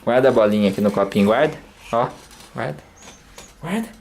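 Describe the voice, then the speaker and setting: A man's voice: mid-range voice, brisk, darkish tone. A father filming his baby at home and coaxing him in sing-song, playful baby talk. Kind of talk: home video, talking to an infant. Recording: home camera with clear background noise.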